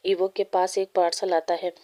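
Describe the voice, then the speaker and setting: A woman reading a fan story aloud, in a steady, plain way with small slips. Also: lowish voice.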